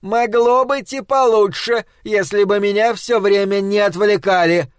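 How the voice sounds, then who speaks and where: Male narrator playing a big, loud, grumpy storybook wife, high-pitched and scolding, dry. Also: moderate pace, no echo, lightly acted. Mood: grumbling. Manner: booming and scolding. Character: huge booming grumpy shopkeeper's wife.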